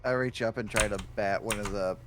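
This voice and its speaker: A man's voice: lowish voice, steady tone, brisk. A man chatting casually as a player in a tabletop game. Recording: faint noise, clicks and typing.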